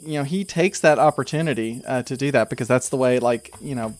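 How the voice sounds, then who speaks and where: Improvising as the game master of a tabletop session, this man narrates in a stop-start, conversational manner. His pitch is medium, and there's no room sound at all.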